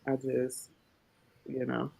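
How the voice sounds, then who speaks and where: Gravelly, low-voiced American woman chatting. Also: monotone, slow, mellow, low-quality recording. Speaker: guest caller. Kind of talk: casual chat.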